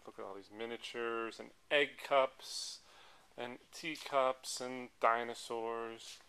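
Walking a large indoor auction hall packed with tables, an American man offers a loose, unscripted rundown of the items for sale, one after another. His medium-pitched voice sounds pushed and bright, picked up by the handheld camera he carries, with background noise plainly audible.

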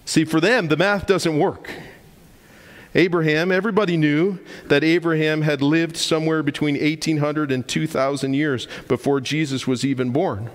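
A man's voice: fairly even intonation, normal speed. Emphatic male preacher in a reverberant church. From Canada. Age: 40s. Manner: emphatic preaching, rising in pitch to stress points. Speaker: pastor. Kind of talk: sermon. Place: church sanctuary. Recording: long hall reverb in a church.

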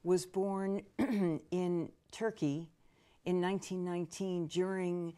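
A woman in her sixties, a minister, answering interview questions in a measured way, slowing for emphasis and building lists, seated in a studio. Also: lowish voice, fairly even intonation, dark tone. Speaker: minister and guest. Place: dark studio set, seated.

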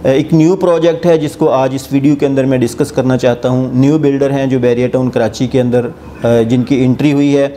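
Seated in an indoor office with an armchair, a Pakistani man in his forties with an Urdu accent hosts a property channel and explains a project's rates to camera. His mid-range voice, picked up by a lapel mic with slight background noise, is steady but hesitant, full of filler sounds and frequent pauses, as he gestures with his hands and reads from notes.

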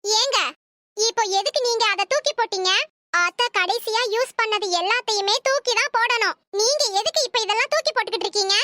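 A woman's voice: very high voice, brisk, bright, forceful tone. A woman voicing a sly young daughter-in-law in a comic cartoon, talking in a whiny, dramatic, wailing way.

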